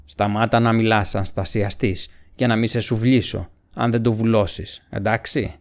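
A man's voice: on the low side, fairly even intonation, lightly acted. A man reading aloud and voicing a brutish male orc soldier who talks in blunt threats. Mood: threatening.

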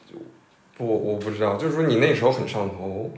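A man co-hosting a podcast, thinking aloud in a casual chat with some hesitation. His pitch moves around a lot, and the room gives his voice a noticeable echo. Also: expressive, a little fast, darkish tone. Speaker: podcast host.

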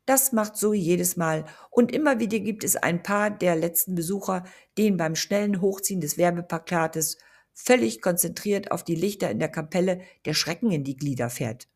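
Lady doing a teasing young gal, upbeat, slightly husky. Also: fairly low pitch, normal speed, a little mellow. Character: cheerful young woman, teasing.

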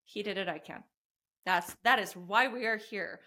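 A woman's voice: medium pitch, moderate pace, pushed and bright. A woman hosting a casual interview podcast, who encourages her guest and prompts him with short backchannels. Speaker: podcast host.

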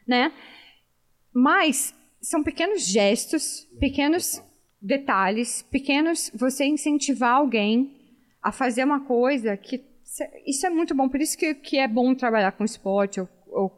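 A woman's voice: high-pitched, a little slow. A woman, a former professional athlete, telling a story in casual chat and acting out what people said. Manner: animated storytelling, acts out quotes. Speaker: former professional triathlete guest.

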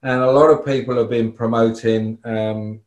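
A man's voice: medium pitch, fairly even intonation, normal speed, roomy sound. A man on a panel explaining his research in a conversational way over a video call.

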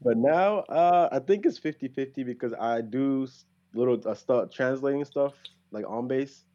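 Mellow laid-back young man, lo-fi sound. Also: medium pitch, normal speed. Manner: laid-back, slangy, many likes. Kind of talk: casual chat. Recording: dull lo-fi recording.

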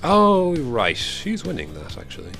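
A man's voice: mid-range voice, a little slow, vocal fry, soft background music. A young man co-hosting a motorsport podcast in casual, opinionated chat. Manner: animated, opinionated, swings between excited and dry asides. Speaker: podcast co-host.

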